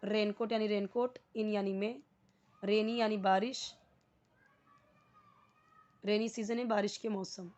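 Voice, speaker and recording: A woman's voice: mid-range voice, little pitch movement, slow pace, long pauses, darkish tone, lo-fi sound. A woman teaching spoken English grammar, explaining each word and phrase step by step, with frequent repetition and questions to viewers. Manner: explains word by word, repeats terms, asks viewers to comment.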